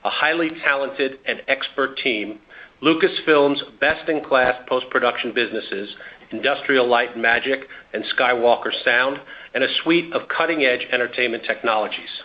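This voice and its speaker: A man, a company executive, reading prepared remarks in a formal, measured way, heard over a conference call speakerphone line. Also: mid-range voice. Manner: formal and measured, with occasional restarts. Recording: dull lo-fi conference call audio.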